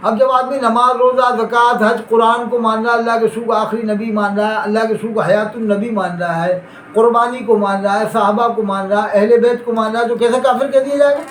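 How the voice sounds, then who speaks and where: High-pitched male preacher in echoey hall. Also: steady tone, brisk, a bit bright. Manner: argumentative, rhetorical questions, rising emphasis. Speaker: Islamic preacher. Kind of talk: sermon. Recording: echoey hall, faint background noise.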